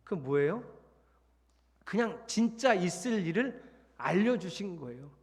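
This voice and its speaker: A middle-aged man preaching a sermon, telling a personal story in a lively way and acting out his own shouting. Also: high voice, a little slow, long reverb tail. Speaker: pastor. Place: church sanctuary.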